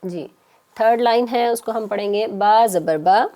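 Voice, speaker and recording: A woman teaching children on a TV lesson, patient and coaxing, repeating syllables slowly. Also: medium pitch, mellow. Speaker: Quran teacher.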